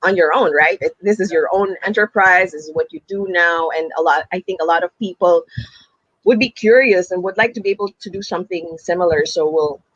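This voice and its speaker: A man's voice: sits high, a little fast, a bit bright, no room sound, highs cut off. A man in his late forties hosting an interview, chatty and upbeat. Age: late 40s. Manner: chatty, upbeat, laughs often. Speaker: host. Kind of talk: interview talk show.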